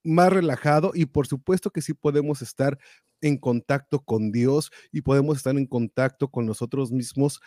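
A man hosting a live talk show, reading out viewer comments with animated, exclamatory reactions. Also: mid-range voice, normal speed, no room sound, clean studio sound. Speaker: show host.

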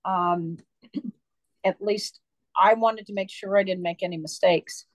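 A woman author, interviewed in a casual storytelling format, tells long, rambling, digressive stories filled with fillers in a chatty way. Her mid-range voice is steady and slow, recorded with no room sound.

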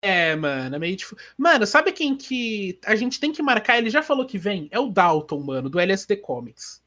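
A man's voice: high voice, very animated, moderate pace, bright, forceful tone. A young man with a Brazilian Portuguese accent, co-hosting a podcast in slangy, joking casual banter. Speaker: podcast co-host.

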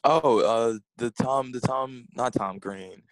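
A man's voice: mid-range voice, takes it slowly, dry recording, low-quality recording. A man, a guest chatting casually and laid-back, with a self-deprecating manner. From Queens, New York. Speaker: guest, music blogger. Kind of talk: casual interview chat.

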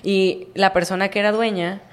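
A woman's voice: medium pitch, steady tone, normal speed. A young woman, co-hosting a podcast in a slangy, casual way and often laughing. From Mexico. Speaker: podcast co-host. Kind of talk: casual chat.

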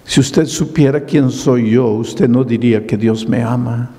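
A man's voice: medium pitch, fairly even intonation, measured pace, mellow, close to an everyday voice. A man voicing a defensive, ashamed young man, in a long hall reverb.

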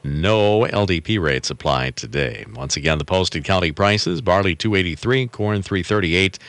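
A man's voice: low voice, expressive, moderate pace, a bit bright, no room sound. A man reading a scripted radio bulletin of farm prices, item by item. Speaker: radio announcer.

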